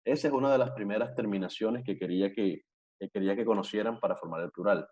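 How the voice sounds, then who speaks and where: Guy teaching a language class online, mellow lowish voice, repeats stuff and keeps checking everyone's following. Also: quick pace, lo-fi sound. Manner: patient, repetitive, checks understanding with frequent tag questions. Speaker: Portuguese teacher.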